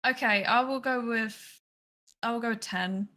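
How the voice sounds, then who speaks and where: A woman's voice: fairly high pitch, a little slow, sharp tone. A woman playing along in a trivia quiz over a voice call, reasoning aloud and joking. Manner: reasons aloud, playful jokes. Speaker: quiz contestant. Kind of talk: casual streamed quiz chat.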